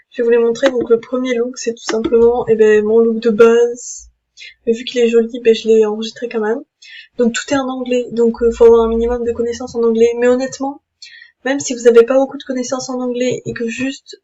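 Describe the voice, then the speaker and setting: A woman's voice: a little high, a little mellow, dull audio. A young woman chatting casually with many fillers and restarts as she shows off her game account. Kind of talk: casual gameplay commentary.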